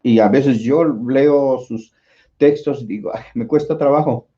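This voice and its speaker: A man's voice: mid-range voice, a little slow, warm tone, highs cut off. A man with a Mexican Spanish accent teaching an informal online language class, rambling with many fillers and restarts.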